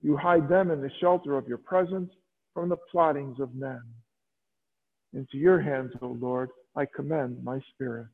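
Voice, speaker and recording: A man leading Mass as a priest, reciting prayers and scripture in a measured, solemn way. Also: mid-range voice, steady tone, breathy edge. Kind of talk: liturgical prayers and scripture reading. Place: church. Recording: tinny radio broadcast in a long-reverb church.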